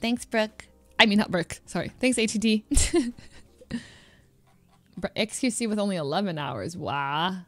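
A woman's voice: mid-range voice, unhurried, long pauses. A woman livestreamer giving casual reaction commentary over livestream headset audio, giggling as she reads names aloud. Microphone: headset mic.

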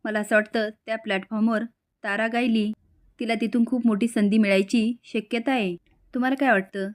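A woman reading the lines of a smooth-talking scheming man in a serial recap. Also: fairly high pitch, steady tone, fairly quick, dry recording, clean studio sound, natural voice. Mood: persuasive.

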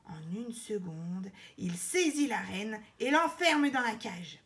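A woman reading a children's picture book aloud in an expressive, measured way. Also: medium pitch. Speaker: storyteller.

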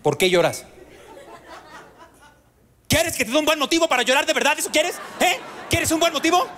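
A man's voice: high-pitched, big pitch swings, fast, some chatter behind, slight background noise. A man with a Mexican accent playing a stern, menacing parent who mocks and threatens a crying child. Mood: mocking threat. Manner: menacing, mocking questions.

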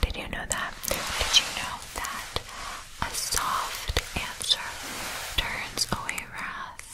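A young woman speaks in a breathy, unvoiced ASMR whisper very near the mic. She repeats words in fast whispered bursts, then stretches phrases out slowly and deliberately. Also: poor audio. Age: young adult. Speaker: ASMR creator.

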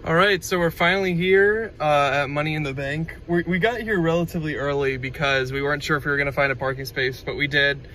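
A young adult vlogger from Kansas, USA, rambles casually into a phone held at arm's length, full of fillers and restarts, first on an outdoor street and then inside a parked car. His voice is a little high and sharp, quick with few pauses. The audio is poor, with a little hiss or hum.

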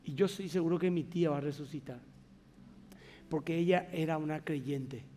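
A man's voice: a little high, moderate pace, dark tone, long reverb tail, slight background noise. A man pastor with a Paraguayan accent preaching a sermon, emphatic and conversational, speaking straight to the congregation in a large church. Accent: Paraguayan Spanish.

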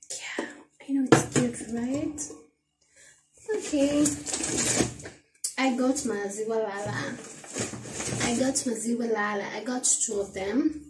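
Slow, chatty Kenyan woman in an echoey room. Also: mid-range voice, dark tone, recorded from a distance. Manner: chatty, repeats words, mixes in Swahili phrases. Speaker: vlogger. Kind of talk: casual grocery haul chat. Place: small room at home, indoors. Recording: echoey room, a little off-mic, faint noise.

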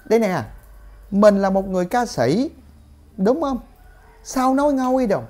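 A woman's voice: medium pitch, expressive, moderate pace, darkish tone. Indignant woman ranting. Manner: indignant, full of exclamations. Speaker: gossip commentator. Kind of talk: ranting commentary to viewers.

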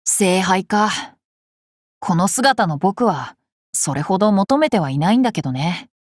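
A woman voices a cheerful, curious boy king in Japanese anime game character lines, sounding boyish and polite with playful self-assurance. Her medium-pitched voice is expressive and a little slow, with a thoughtful, candid mood. The studio sound is clean, with no echo.

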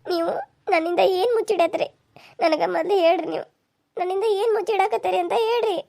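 A woman's voice: very high-pitched, fairly even intonation, a little fast, creaky, darkish tone, no room sound, clean studio sound. A woman voicing a hurt, suspicious young village wife in a cartoon serial, with a North Karnataka Kannada accent, tearful and accusing.

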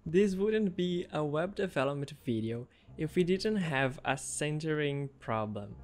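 Narrating his coding project, this man, a web developer vlogger whose first language is Portuguese, sounds animated, a little high-pitched, and measured in pace. The casual, cheerful voice-over sits over quiet background music.

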